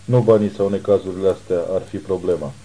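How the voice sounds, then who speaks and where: A man reading as a steady private detective with a deep, very dark voice who talks in a measured, reassuring way. The tone is low and unhurried, the way a calm protector sounds when he is steadying others. It reads like an audiobook. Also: close to an everyday voice, low-quality recording. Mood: grave.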